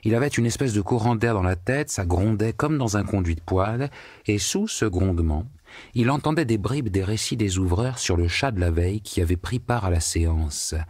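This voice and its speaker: A male audiobook narrator telling the story with theatrical expression. His pitch rises and falls a great deal from phrase to phrase. The recording is close and dry with no room sound. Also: lively intonation, moderate pace, darkish tone, dry recording.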